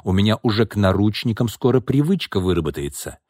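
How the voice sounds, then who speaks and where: A man's voice: fairly low pitch, expressive, quick pace, a little mellow, no echo, studio quality. A man doing a grumpy, irritable young man. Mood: irritated.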